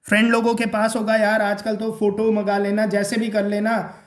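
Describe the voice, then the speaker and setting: A man giving a casual exam-prep lesson, repeating his points and checking in with "okay?" and "clear?". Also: high-pitched, completely flat delivery, normal speed, reverberant. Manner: repeats points, addresses viewers as guys and friends.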